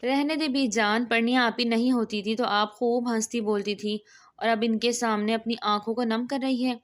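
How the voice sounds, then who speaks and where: A woman's voice: fairly high pitch, fairly even intonation, lightly acted. A woman reading the lines of a mischievous, teasing young man in a storybook, in a cheeky, playful manner.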